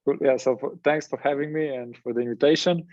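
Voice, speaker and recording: Man from slovenia, thirties, casual relaxed guest, dry muffled call sound. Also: medium pitch, a little fast, dry recording. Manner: relaxed, informal. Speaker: guest investor. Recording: dull dry call audio.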